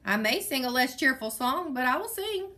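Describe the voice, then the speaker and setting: Stubborn male rooster, bright tone, lively, woman reader doing the voice. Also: high voice, normal speed, voice pushed up. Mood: defiant. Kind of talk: reading a picture book aloud.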